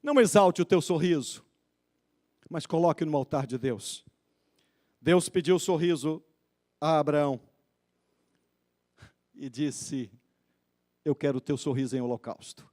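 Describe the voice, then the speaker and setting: A male pastor preaching a sermon, swinging between loud exhortation and quiet, intimate questioning of the congregation. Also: fairly high pitch, measured pace, long pauses. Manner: pleading, exhorting.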